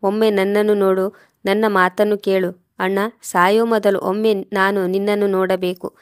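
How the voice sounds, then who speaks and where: A woman's voice: mid-range voice, flat delivery, normal speed, dry recording, studio quality, close to an everyday voice. Pleading young sister, read by a woman.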